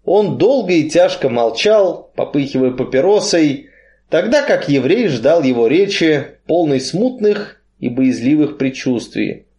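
A man reading literary prose aloud as a storybook narrator, in a measured, expressive way. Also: on the high side.

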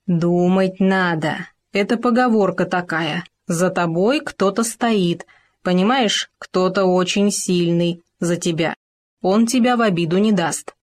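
A woman's voice: lowish voice, measured pace. A woman voicing a cocky, bossy hamster. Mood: lecturing. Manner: bossy, lecturing. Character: cocky clever male hamster.

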